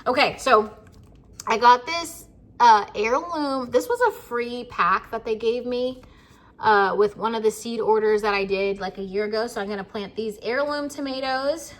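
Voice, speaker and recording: A woman's voice: on the high side, normal speed. An American woman talking casually to camera as a gardening vlogger, chatty and rambling, with plenty of fillers.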